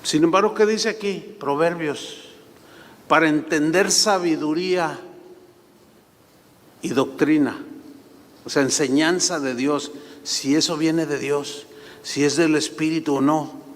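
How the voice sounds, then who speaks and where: A male pastor, preaching a sermon and telling animated anecdotes. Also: fairly high pitch, takes it slowly, long pauses, in a large hall.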